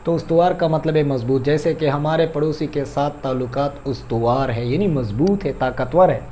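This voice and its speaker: A man's voice: on the high side, dark tone, slight background noise. A man teaching an Urdu class, explaining vocabulary and repeating words to correct their pronunciation, addressing listeners politely. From Pakistan. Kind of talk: lecture on vocabulary and grammar.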